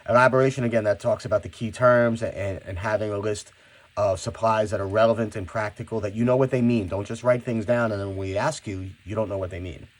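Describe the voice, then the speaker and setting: A man's voice: on the low side, steady tone, fairly quick. A male teacher talking students through finishing and checking a class project, in a conversational way that often repeats words as he starts a sentence. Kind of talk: classroom instruction video.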